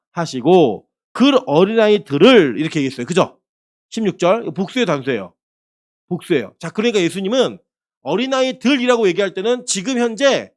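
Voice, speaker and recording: A male pastor delivers a sermon in a conversational, animated way. His voice sits high and moves a lot, rising and falling as he poses rhetorical questions to his listeners.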